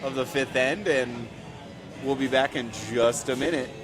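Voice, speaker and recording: A man calling play-by-play for a curling broadcast in a relaxed, hesitant way, with frequent fillers. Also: medium pitch, measured pace, over music, low-quality recording. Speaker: play-by-play commentator. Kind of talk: casual sports commentary. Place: indoor curling center. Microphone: shared desk mic.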